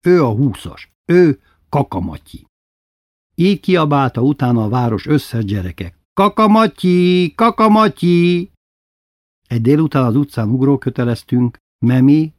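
A man reading a childhood memoir aloud as narrator, in a subdued, intimate storytelling manner with a husky voice. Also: mid-range voice, warm tone, dry recording, clean studio sound.

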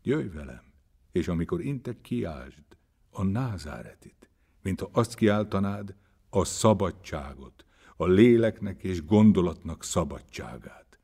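A man voicing a gentle male spiritual teacher who speaks softly and mildly in a dramatized story reading. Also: sits low, big pitch swings, breathy edge, full character voice. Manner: soft, slow and mild.

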